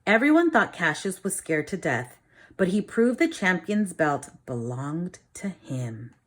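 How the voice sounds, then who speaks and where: Reading aloud from a picture book, a woman teacher uses a fairly low, sing-song voice. She keeps stopping to ask the children questions and explain simply.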